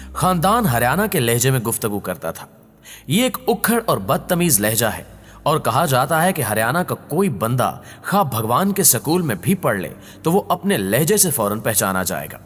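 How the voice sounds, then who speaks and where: A man hosting a channel who tells a story in a measured, expressive scripted narration. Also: mid-range voice. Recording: long reverb with faint background music.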